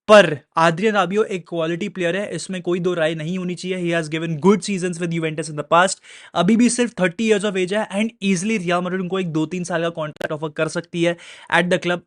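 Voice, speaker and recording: Guy talking football casually, highish voice, chats right at the viewers. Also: fairly bright tone. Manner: chatty, mixes Hindi and English mid-sentence; addresses viewers directly, conversational asides. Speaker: football pundit. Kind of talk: casual solo commentary.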